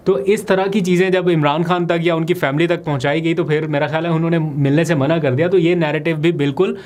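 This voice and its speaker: In this vlog, a man delivers a quick, analytical rundown of today's political stories. He speaks in a somewhat higher-than-average male register, explaining everything in an even, no-nonsense tone.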